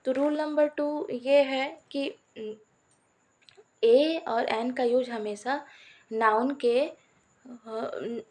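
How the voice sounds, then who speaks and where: Woman teaching grammar, slightly high voice. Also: darkish tone. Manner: explains step by step, repeats examples, asks and answers own questions; addresses viewers as friends. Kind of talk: Hindi-language grammar lesson.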